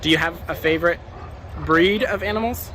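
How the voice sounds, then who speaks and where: A man's voice: a little high, a little fast, crowd noise. A man hosting a casual on-location interview inside a barn, asking questions in an informal way. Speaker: host interviewer. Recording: noisy barn with animal sounds. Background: animals and farm noise.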